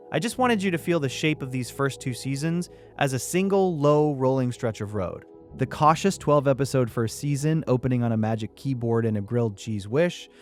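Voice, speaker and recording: Calm man narrating for sleep. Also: medium pitch.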